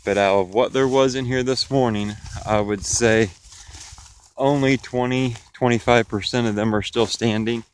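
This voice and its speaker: Filming himself outdoors with a handheld camera as he walks, a farmer explains his pasture in a plain, matter-of-fact tour. His mid-range voice keeps a steady tone at normal speed, with slight background noise.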